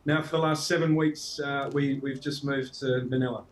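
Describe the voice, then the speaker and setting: A middle-aged Australian man, a marketing executive appearing as a guest, answers interview questions hesitantly, often restarting and using fillers. His voice is medium-pitched with a level tone and a moderate pace.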